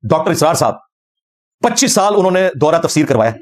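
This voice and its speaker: A man's voice: a little high, sing-song, quick pace. A middle-aged man giving a combative religious lecture as a scholar, fervent and quoting Arabic verses.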